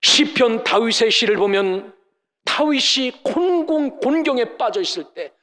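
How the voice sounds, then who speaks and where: A man's voice: very high voice, lively intonation, a little slow, bright, forceful tone. A male pastor preaching a sermon at a church service, emphatic and full of rhetorical questions to the congregation. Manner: mimics scoffers in mocking voices.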